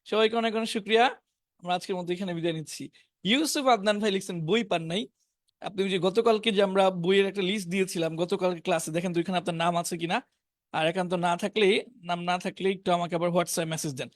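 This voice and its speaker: A man with a Bengali accent teaches an online spoken English class, slowly reading out English words and example sentences and giving each meaning. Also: high-pitched, fairly even intonation, no room sound, clean studio sound. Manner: reads word lists slowly, pairing each English word with its meaning.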